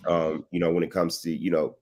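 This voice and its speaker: Man, very deep voice, sports talk host, casual, rambling, lots of fillers. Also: fairly quick. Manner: relaxed, filler-heavy, asks long rambling questions.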